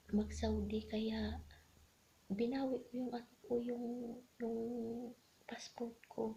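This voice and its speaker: A woman from the Philippines telling her own life story on a vlog, speaking in a hushed, often half-whispered, halting way full of fillers. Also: a little high, vocal fry, a little hiss or hum. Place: abroad in her current home.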